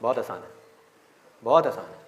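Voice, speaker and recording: In a muffled recording from an echoey hall with faint crowd noise, a motivational speaker addresses students. His lowish voice is expressive and moves at a normal speed as he asks rhetorical questions and acts out the students' inner voices.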